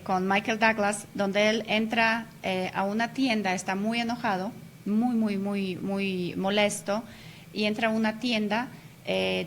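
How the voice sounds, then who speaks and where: A woman teacher speaks as a radio interview guest, explaining step by step and pausing often on fillers. Her pitch is mid-range for a woman, and a faint hiss sits under the studio recording. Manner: explanatory, many hesitation fillers.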